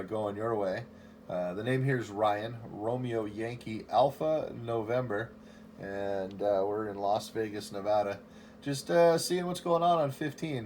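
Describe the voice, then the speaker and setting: A man making a ham radio call from his home station, calling CQ over and over, spelling his call sign in phonetic alphabet in a steady, repetitive way. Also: fairly low pitch, a little hiss or hum. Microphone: station microphone.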